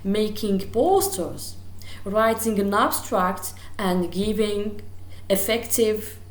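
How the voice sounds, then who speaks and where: A woman with an Algerian accent, a native Arabic speaker, gives a recorded university lecture in English. Her medium-pitched voice moves slowly in a roomy-sounding space, and she is hesitant, with many fillers and restarts.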